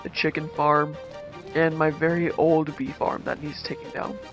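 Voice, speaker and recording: A man's voice: a little high, flat delivery, normal speed, lo-fi sound. Man talking through a voice changer. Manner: laid-back, easygoing, talks while touring his builds. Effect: voice changer disguising his voice. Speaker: gaming channel host. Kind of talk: relaxed game world tour commentary. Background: background music.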